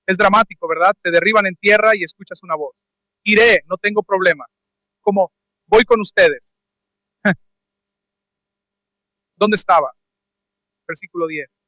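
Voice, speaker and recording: Bright-voiced man preaching a sermon. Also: high voice, no room sound, poor audio. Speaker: pastor. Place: church sanctuary. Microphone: handheld or stand microphone.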